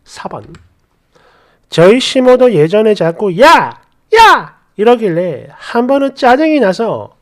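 Lady reading out story comments, super lively up-and-down voice, acts out the quotes. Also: medium pitch, a little slow. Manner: expressive, acts out quoted lines. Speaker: story channel narrator. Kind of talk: dramatized reading of online posts and comments.

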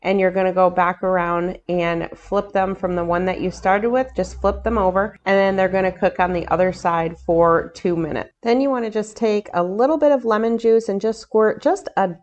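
A woman's voice: mid-range voice, fairly even intonation, normal speed, few pauses, a little mellow, highs cut off. An older woman in her home kitchen, chatting casually as she walks through each cooking step for her vlog. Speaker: cooking vlogger. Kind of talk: casual cook-along narration.

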